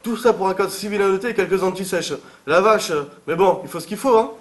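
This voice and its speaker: A man playing a loud, slangy caller in a student comedy sketch. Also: high-pitched, a little fast. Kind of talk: comic sketch acting.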